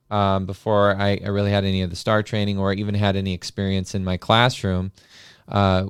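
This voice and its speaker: A low-pitched man tells a story in a casual, animated way, full of hesitations and fillers. His voice is smooth and resonant. It is recorded close and dry, with no room sound. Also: no room sound. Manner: animated anecdote-telling with many filler sounds. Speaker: podcast host and classroom paraprofessional.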